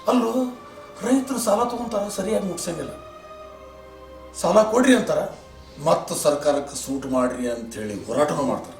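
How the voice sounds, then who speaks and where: An actor playing a sly, preachy middle-aged village fixer who lectures in a North Karnataka Kannada accent. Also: male voice, medium pitch, lightly acted. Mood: lecturing. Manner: lecturing, patronizing, coaxing. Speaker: influential villager with bank contacts. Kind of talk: village short film acting. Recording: roomy distant mic with music.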